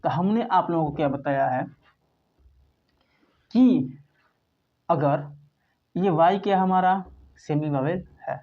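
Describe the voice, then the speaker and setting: A man's voice: on the high side, takes it slowly, pauses often. A man teaching an English class. He talks patiently, repeating each point and asking and answering his own questions. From India. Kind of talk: spoken classroom lesson. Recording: dull lo-fi recording.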